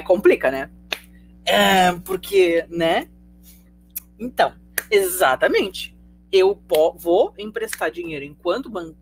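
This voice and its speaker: A sociology teacher with a Brazilian accent and a mid-range voice runs a live online class in a chatty, conversational way, with slight background noise. The teacher keeps asking students rhetorical questions, checking in with them and tagging sentences with "tá?".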